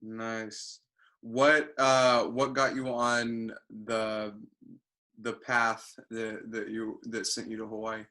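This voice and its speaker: A man hosting a podcast interview, relaxed, asking questions with short encouraging replies. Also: lowish voice, slow pace. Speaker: podcast host. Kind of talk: casual interview chat.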